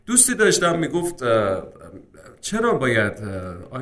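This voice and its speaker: A man teaching English speaking-exam preparation in a casual lesson. He talks to viewers as friends, and his speech is full of English terms. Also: lowish voice. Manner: lively, addresses viewers as friends, mixes English terms into Persian.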